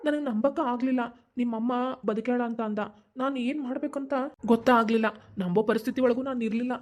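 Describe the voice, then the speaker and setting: A woman's voice: on the high side, steady tone, a little mellow, natural voice. A woman voicing an earnest, determined young man in a cartoon, with a North Karnataka Kannada accent. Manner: pleading, determined, talks fast. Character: earnest young man, devoted son and brother. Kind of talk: cartoon voice acting.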